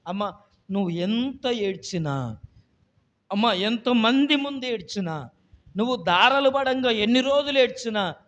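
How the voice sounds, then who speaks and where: A high-pitched male pastor delivers an impassioned sermon. He repeats his phrases in waves and jumps from ringing cries down to hushed asides. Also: muffled recording. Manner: impassioned, repetitive preaching with swings between loud cries and soft low asides.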